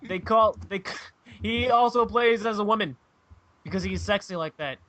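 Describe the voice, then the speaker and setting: Casting note: young male podcast host, high, very bright voice, crude and giggly. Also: moderate pace, no echo. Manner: loud, crude and giggly, introducing people. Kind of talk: casual chat.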